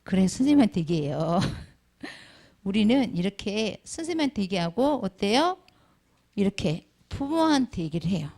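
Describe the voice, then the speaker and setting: A woman's voice: medium pitch, sing-song, normal speed, creaky, darkish tone. A middle-aged woman teaching a Sunday school lesson, calling on children by name and asking them questions. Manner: calls on children by name and asks many questions. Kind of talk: children's sermon with questions to the class.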